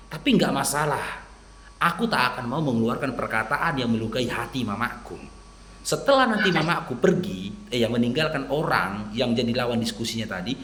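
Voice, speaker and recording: A Medan-accented male preacher talks straight to a listener and acts out bits of dialogue as he tells his stories. His pitch rises and falls in wide swings. The voice rings in an echoey room over a faint hiss. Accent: Medan Indonesian. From Medan, North Sumatra. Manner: lively storyteller who acts out quoted dialogue. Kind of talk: persuasive religious talk to a listener.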